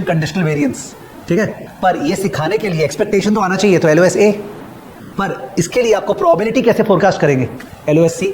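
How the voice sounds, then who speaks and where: A middle-aged man lectures on finance with a fairly high voice. He is emphatic and keeps repeating key phrases, dictating them slowly for students to copy down. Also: darkish tone, slight background noise, poor audio. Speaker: finance teacher. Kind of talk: classroom lecture mixing Hindi and English.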